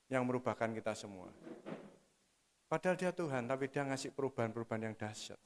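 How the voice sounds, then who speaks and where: Man preaching a lively sermon. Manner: swings between soft low asides and loud emphatic exhortation; addresses the congregation as "saudara".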